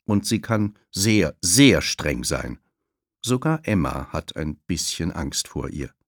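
A man narrating a children's audiobook in a slow, expressive storytelling manner. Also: low voice, no room sound, studio quality.

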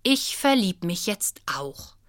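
A woman's voice: medium pitch, very animated, takes it slowly, no room sound, clean studio sound. A woman reading a children's story, voicing a shy, hesitant schoolgirl with a cautious, tentative manner.

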